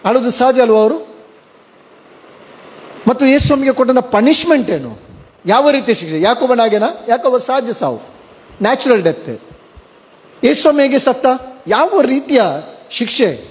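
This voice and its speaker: A man's voice: very high-pitched, expressive, moderate pace, long pauses. A man preaching a sermon, mixing in English words and asking his congregation questions. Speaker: pastor. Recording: long hall reverb.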